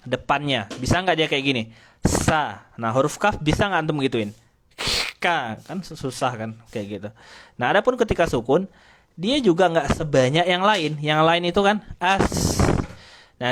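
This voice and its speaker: A man teaching Quran recitation, sounding out Arabic letters and asking his students questions. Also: on the high side. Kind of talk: tajwid lesson. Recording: faint noise with clicks.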